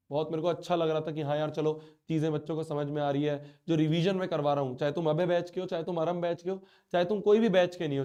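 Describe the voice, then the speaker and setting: A man's voice: on the high side, warm tone, clear, resonant tone. Hurt young male teacher with blocked nose. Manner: hurt, pleading, repeats himself. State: blocked nose and sore throat. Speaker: online teacher. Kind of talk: live class address to students.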